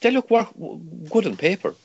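The recording is muffled, but it clearly holds an older Kerry man's high, darkish voice swinging hugely in pitch at a moderate pace. A native Irish speaker from Ireland, he talks in English with an Irish accent, arguing emphatically as a campaigner and interview guest, with many stammered restarts and rhetorical questions.

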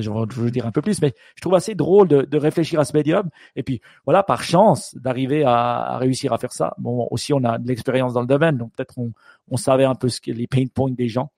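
A man's voice: mid-range voice, fast talker, mellow, dry recording. A man co-hosting a podcast in casual chat, thinking aloud with many restarts and fillers. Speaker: podcast co-host.

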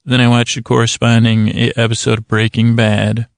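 The clean studio recording, free of echo, features a podcast host with a gravelly, mid-range voice and a level tone. He rambles through a bedtime monologue, halting and stammering with many false starts while wandering into silly tangents at his own expense.

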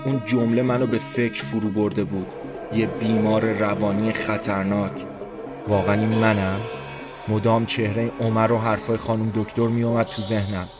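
Man narrating tensely over loud music. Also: lowish voice, little pitch movement. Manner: tense inner monologue. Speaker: narrator and reader. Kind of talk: first-person scripted story narration. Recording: loud background music score.

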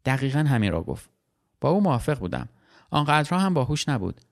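A man reading a literary short story aloud as narrator, in a calm, measured, reflective way. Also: fairly low pitch, vocal fry.

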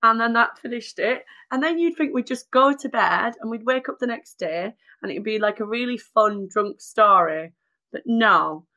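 Gravelly bright-voiced woman telling a story. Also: on the high side, moderate pace, dull audio. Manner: animated storytelling with quoted voices. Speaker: podcast co-host. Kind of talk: casual chat.

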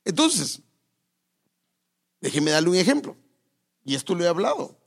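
A male pastor with a creaky voice that sits high gives a sermon on marriage at a moderate pace, sounding very animated. He keeps it conversational, addressing listeners directly and correcting himself as he goes.

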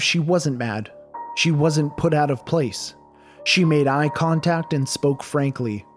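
A man narrating a true crime story in a measured, dramatic scripted style. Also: fairly high pitch, darkish tone.

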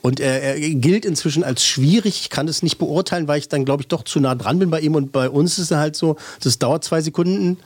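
A man from Berlin hosting a podcast and chatting casually about films. His voice sits a bit high for a man. He jokes and rambles, and the sound is dry and close. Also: a little fast, few pauses, no room sound. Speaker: podcast host, film reviewer. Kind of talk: casual chat.

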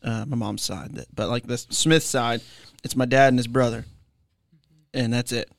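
A man in a casual podcast chat, easygoing and quick to laugh. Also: medium pitch, fairly even intonation, gravelly, no echo.

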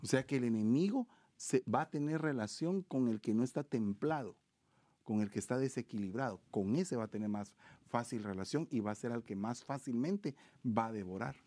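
A man co-hosting a faith-based marriage talk in a preaching style. He moralizes earnestly and presses his points with rhetorical questions. His voice sits at an ordinary male pitch, recorded close and dry. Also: normal speed, mellow, no room sound.

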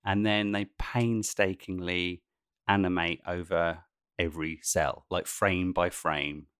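A man's voice: low voice, steady tone, takes it slowly, fairly bright tone, clear, resonant tone, no echo, clean studio sound. A man hosting a casual podcast chat, jokey and punning, laughing often between lines. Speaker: podcast host.

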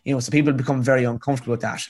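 He's an author in his twenties from County Cavan in rural Ireland, speaking as an interview guest with a rural Irish accent. His mid-range voice is a little mellow, fairly even in intonation and very fast, and his storytelling is earnest and emphatic, with phrases repeated for effect.

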